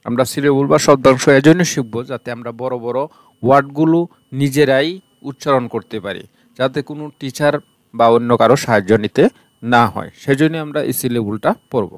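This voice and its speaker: A man with a Bangladeshi accent teaching an online English lesson, explaining slowly and repeating terms. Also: mid-range voice, no echo. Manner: explains slowly, repeats terms in two languages, breaks words into syllables.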